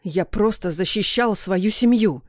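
A woman's voice: lowish voice, normal speed, a little mellow, no echo, clean studio sound, natural voice. A woman voicing a troubled middle-aged father who grumbles and snaps defensively. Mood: furious. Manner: gruff, grumbling.

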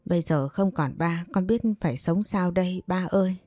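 A woman's voice: on the low side, moderate pace, dark tone, dry recording, clean studio sound, faint music behind, lightly acted. A woman voicing a grief-stricken young woman. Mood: grieving. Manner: pleading and crying out in grief. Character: grief-stricken young woman who lost her father.

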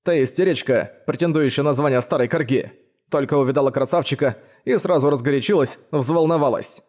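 A man reading an audiobook, voicing a mocking, wheezing talking hand in a hoarse voice. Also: medium pitch, brisk, darkish tone, close to an everyday voice.

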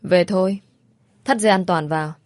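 A woman's voice: fairly low pitch, normal speed, darkish tone, no echo, studio quality, natural voice. A woman voicing a self-assured young man who teases the heroine. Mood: teasing.

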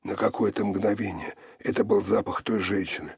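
A man narrating an audiobook in a low, even, gravelly delivery. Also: normal speed, dry recording, clean studio sound.

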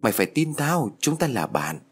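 A man voicing a faceless dead schoolgirl ghost who speaks slowly and insistently in a low, husky voice. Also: big pitch swings. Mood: eerie pleading.

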